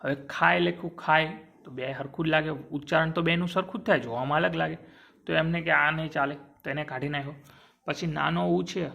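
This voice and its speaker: A man teaching an exam-prep grammar lesson, drawing sounds out slowly and asking and answering his own questions. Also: fairly high pitch, steady tone, vocal fry, bright, forceful tone, highs cut off.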